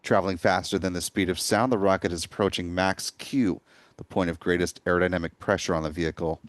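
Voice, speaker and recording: A man's voice: low-pitched, steady tone, fast talker, no room sound. A man hosting a live launch webcast, explaining events in a composed way.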